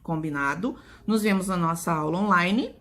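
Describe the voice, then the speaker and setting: A woman with a Brazilian Portuguese accent, teaching a recorded lesson for young children and slowly drawing out stressed syllables. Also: fairly low pitch, a bit bright. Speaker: primary school teacher.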